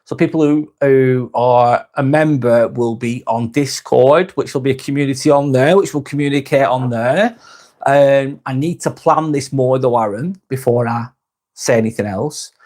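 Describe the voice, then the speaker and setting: A man with a mid-range voice hosts a live stream, reading out viewer comments and chatting in a relaxed, rambling way. He restarts often and lets the odd swear word slip.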